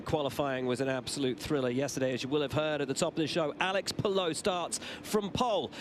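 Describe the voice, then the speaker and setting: A man calling a motor race live on TV, with a brisk and upbeat scripted delivery. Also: on the high side. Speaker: race commentator. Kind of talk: live play-by-play commentary. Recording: loud outdoor race-track noise.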